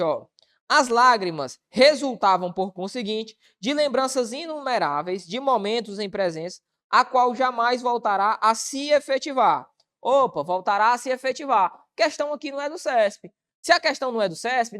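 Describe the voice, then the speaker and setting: A woman's voice: fairly high pitch, fairly bright tone. A woman with a Brazilian Portuguese accent teaching an exam-prep grammar lesson, asking herself questions and answering them in a colloquial way. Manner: asks and answers own rhetorical questions, colloquial.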